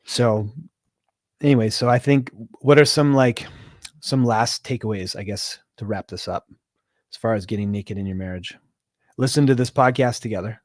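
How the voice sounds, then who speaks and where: A man co-hosts a candid, casual conversation in a fairly low voice. He speaks openly and self-reflectively, often pausing and restarting his thoughts. The sound is close and dry. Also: no echo. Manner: open, self-reflective, halting. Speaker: podcast co-host. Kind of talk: candid casual chat about marriage.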